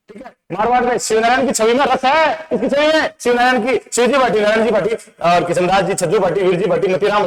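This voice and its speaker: Man, high voice, playful quizzing teacher, exam-prep lesson. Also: low-quality recording. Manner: playful, repeats quizzing questions to students. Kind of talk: exam-prep lecture with memory tricks.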